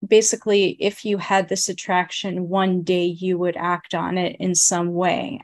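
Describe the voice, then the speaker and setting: An American woman in her late thirties, her voice distorted to disguise it, speaking candidly and haltingly as an interviewee. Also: fairly low pitch, darkish tone. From United States. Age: late 30s. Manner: halting, with restarts and fillers. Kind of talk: candid personal testimony.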